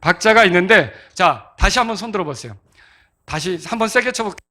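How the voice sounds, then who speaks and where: A man preaching to his congregation about how hymns should be sung, stopping often to quiz his listeners and sound out beats himself. His voice sits high and carries a bright, ringing edge. He explains like a patient teacher at the pulpit. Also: lively intonation, brisk. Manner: interactive, asks congregation to clap and answer; sings out beats to demonstrate rhythm. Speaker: pastor. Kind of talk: sermon teaching on hymn rhythm.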